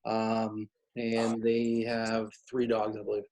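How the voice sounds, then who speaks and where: Flat-voiced man with hesitant answers. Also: fairly low pitch, takes it slowly, a little hiss or hum, low-quality recording. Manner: hesitant, many "um" fillers. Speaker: fire company officer, workshop attendee. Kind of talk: casual answer in a group call.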